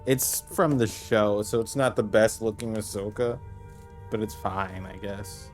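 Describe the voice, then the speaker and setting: A man's voice: on the low side, steady tone, a little slow. A man streaming a video game and chatting casually to his viewers. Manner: chatty, talks to chat and the game. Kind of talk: casual gameplay commentary. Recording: game music behind.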